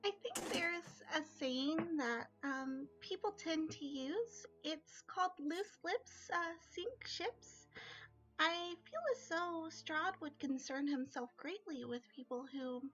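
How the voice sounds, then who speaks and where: A woman playing in a tabletop game, speaking in character in a measured, formally polite way with frequent ums. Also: high voice, a bit bright, dull audio, faint music behind. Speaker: player voicing her character. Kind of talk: in-character tabletop role-play.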